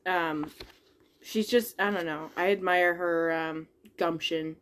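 A woman's voice: lowish voice, steady tone, slow, a bit bright. A woman co-hosting a podcast, chatting about a book in a rambling, hesitant way with lots of fillers. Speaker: podcast co-host. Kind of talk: casual book-club chat.

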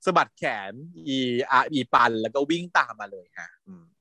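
A man casually recapping a TV drama as a podcast host, animated, laughing often and acting out lines. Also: mid-range voice, normal speed, no echo, studio quality.

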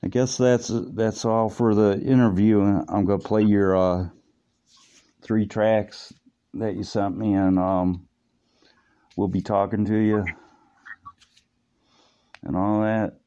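A man hosting a casual interview in a halting, laid-back stoner way, trailing off as he goes. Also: on the low side, little pitch movement, mellow, smooth. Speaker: interview host. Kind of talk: casual, loose interview chat. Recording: dull, lo-fi sound.

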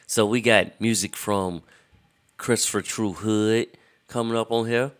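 A man hosting a live show like a ringmaster, announcing in a drawn-out, emphatic showman's manner. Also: on the low side, fairly bright tone, clear, resonant tone. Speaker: sports and music show host.

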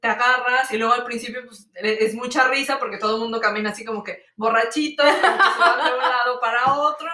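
Bright-voiced woman telling stories. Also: fairly high pitch, fast talker, few pauses, roomy sound, distant mic. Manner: animated anecdotes with many fillers. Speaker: storyteller in a chat. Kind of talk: casual chat.

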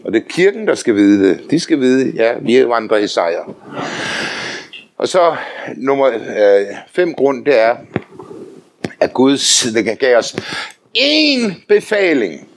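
An older man preaching a sermon, telling lively anecdotes, often laughing and calling on listeners to say amen. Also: medium pitch. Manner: animated storytelling, often laughing, calls for amens.

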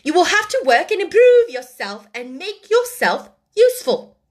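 A woman voicing a haughty, domineering schoolmistress in an audiobook, sharp-tempered, scolding and imperious. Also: very high-pitched, sing-song, moderate pace, pitched above the performer's own voice. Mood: cold, sharp. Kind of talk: audiobook character acting.

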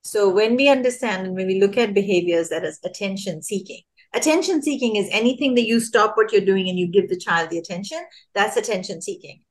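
An animated woman explains early childhood ideas in a relaxed podcast chat. She jumps into quoted scolding lines with a lifted, emphatic voice, then drops back to an even, mid-range tone. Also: medium pitch, fairly quick, hardly any pauses. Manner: animated, acts out adults' scolding lines in a raised voice. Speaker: guest, early childhood education speaker. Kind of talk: conversational podcast interview.

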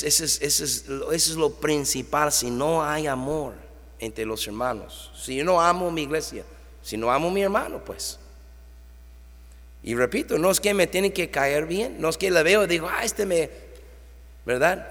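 A man with a high voice delivers a sermon from the pulpit. He reads scripture aloud and his volume swells and drops as he preaches. The sound rings out with a long reverb from the hall. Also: fairly bright tone. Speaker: pastor.

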